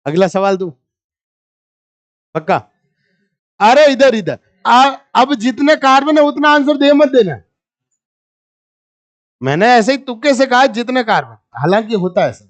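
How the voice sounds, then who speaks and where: A man's voice: extremely high pitch, very animated, measured pace, pauses often. A male chemistry teacher, giving a live classroom lecture, teasing his students and walking them step by step through structures while asking them for answers.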